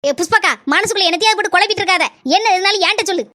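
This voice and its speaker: Squeaky, rapid-fire sister-in-law. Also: female voice, sharp tone, no echo, studio quality. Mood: pleading. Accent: Kanyakumari Tamil. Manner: rapid, taunting chatter. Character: young sister-in-law, meddling and cheeky.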